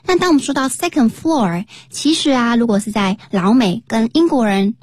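A woman's voice: fairly high pitch, animated, normal speed, darkish tone, dry recording. A woman co-hosting a radio English lesson, reading dialogue lines and explaining them carefully. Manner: clear, careful explanations, spells words out. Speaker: English teacher, radio co-host. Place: radio studio.

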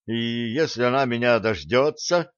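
A man's voice: medium pitch, animated, measured pace, smooth, no echo, lo-fi sound, close to an everyday voice. A man reading an audiobook, voicing a shy, grumbling teenage cabin boy. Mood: earnest. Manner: grumbling, earnest.

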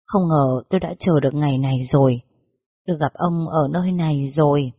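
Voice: medium pitch, fairly quick, husky, no echo. A narrator voicing an elderly grandmother who speaks in a quavering voice. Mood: tearful. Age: over 60. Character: elderly grandmother, long-waiting, tearful. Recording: dull lo-fi recording.

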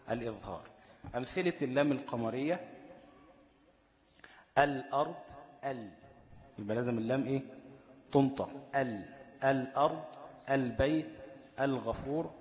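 A man's voice: medium pitch, brisk, pauses often, big-room sound. A man with an Egyptian Arabic accent teaching recitation rules, posing questions and answering them himself while checking that listeners follow. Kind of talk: explanatory lesson.

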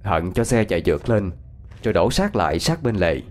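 A man narrating a ghost story in an expressive, dramatic way. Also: fairly low pitch, fairly quick, slight background noise. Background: faint music.

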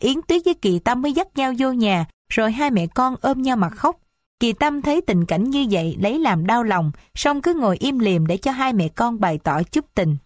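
A woman narrating a classic novel as an audiobook, in a steady, measured way. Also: a little high, no room sound, clean studio sound.

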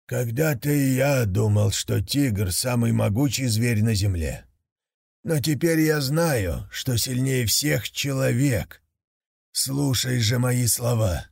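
A grave, dying old tiger , as a man puts him on speaks in a slow, gravelly storybook voice. Every word is weighed and drawn out. The sound is close and dry. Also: mid-range voice, a little mellow, no room sound. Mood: solemn. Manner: slow, solemn instructing.

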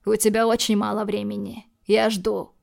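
A woman voicing a cold, menacing male hero who threatens calmly in low, clipped lines, for an audiobook. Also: moderate pace, creaky. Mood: threatening.

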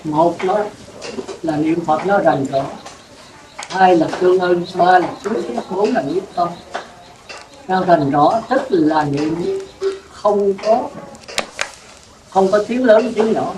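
A man's voice: sits high, takes it slowly, pauses often. A Buddhist monk giving a sermon in a plain-spoken way, putting questions to his listeners. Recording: roomy, distant mic with clear noise.

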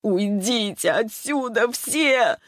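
A woman reading an audiobook, voicing a distraught young woman who is stubborn and prone to high outbursts. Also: animated, unhurried, dry recording, clean studio sound. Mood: shrill. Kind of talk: audiobook character voice.

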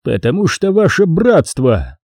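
Narrator voicing a blunt commanding general, dark husky voice, lively delivery, audiobook. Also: male voice, on the high side, normal speed, dry recording, clean studio sound, pitched above the performer's own voice. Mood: stern.

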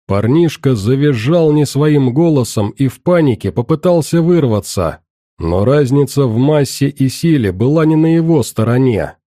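Dark-voiced male audiobook narrator. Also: medium pitch, animated, normal speed, dry recording, studio quality. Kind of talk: scripted first-person narration.

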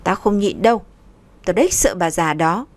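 A woman voicing a stubborn, sharp-tongued pregnant young woman who answers with brash, scornful retorts. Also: on the low side, lively intonation, moderate pace, lightly acted.

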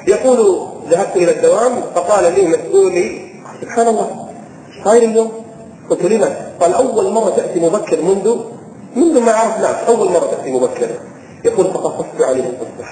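A man preaching a sermon, telling a story with emotion, moving between hushed and impassioned passages and slowly chanting verses. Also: fairly high pitch. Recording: echoey hall recording, faint noise.

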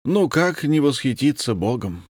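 A man's voice: medium pitch, sing-song, a little slow, darkish tone, breathy edge, dry recording, studio quality, voice pushed up. A man voicing a jovial navigator. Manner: jovial, reassuring. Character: good-humored male navigator, admiring and joking.

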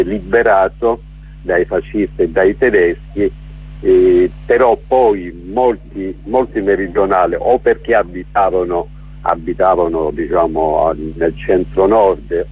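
A middle-aged Calabrian man, an author appearing as a guest on a radio interview, speaks in a low, darkish, husky voice. He hesitates a lot, filling gaps and restarting sentences. The broadcast sounds muffled and lo-fi.

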